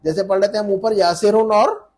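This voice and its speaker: A man's voice: high voice, fairly even intonation, normal speed, darkish tone. A man teaching a live class, patient, repeating words to drill pronunciation. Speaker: Arabic teacher.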